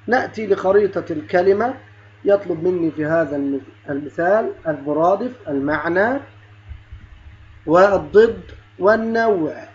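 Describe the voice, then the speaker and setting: A man's voice: sits high, moderate pace, highs cut off, a little hiss or hum. A man teaching a grammar lesson to young pupils, patiently repeating words, sounding out letters and praising the children. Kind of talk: primary-school grammar lesson.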